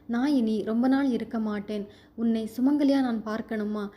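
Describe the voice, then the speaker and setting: A woman's voice: on the high side, fairly even intonation, moderate pace, mellow, close to an everyday voice. A woman voicing a bedridden old father who pleads tenderly with his daughter, read aloud in a storybook telling. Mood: pleading.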